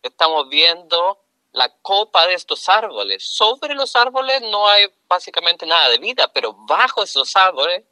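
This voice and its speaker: Interview guest: Chilean man, middle-aged, patient explainer, a touch high, very bright tone. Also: big pitch swings, moderate pace, clean tone, no room sound, poor audio. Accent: Chilean Spanish. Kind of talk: interview answers.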